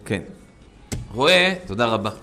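A man preaching a sermon with stories, swinging between loud urging and hushed asides, and calling his listeners friends. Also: medium pitch, big pitch swings.

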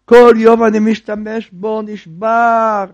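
Guy doing an upset old man, wailing and pleading, raspy high voice. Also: fairly even intonation, darkish tone, highs cut off. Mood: distraught. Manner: wailing, then pleading at length. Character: distraught old man mourning his broken jug.

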